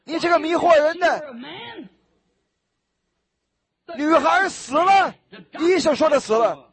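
A jeering crowd of mourners, as a preacher puts them on, shrill and scornful. The voice sits high and mocking. It is acted out inside a lively sermon retelling. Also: male voice, moderate pace.

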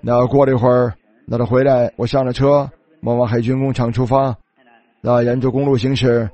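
A man's voice: mid-range voice, flat delivery, moderate pace, mellow, no echo, highs cut off. A man preaching a sermon, telling a story and starting many phrases with a filler. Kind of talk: sermon storytelling in Chinese voice-over.

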